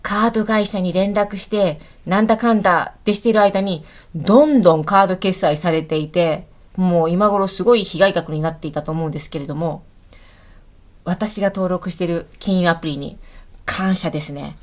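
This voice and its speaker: A woman hosting a podcast lesson and explaining things patiently and warmly to learners. She is from the Kansai region. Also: fairly low pitch, moderate pace. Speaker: Japanese teacher and podcast host. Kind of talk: podcast lesson monologue in easy Japanese.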